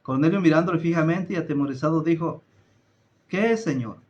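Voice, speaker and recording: A man preaching a Bible study, slowly stressing his points, often addressing his listeners as brothers and reading scripture aloud. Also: fairly high pitch, a little mellow, dull audio. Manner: slow deliberate emphasis with some filler hesitations. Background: greets a viewer by name, live stream.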